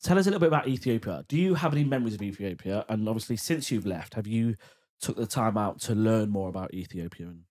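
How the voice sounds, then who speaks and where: A man's voice: fairly low pitch, expressive, quick pace, darkish tone. A man hosting a podcast, chatty and friendly with lots of fillers as he leads the talk. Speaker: podcast host. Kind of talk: casual chat.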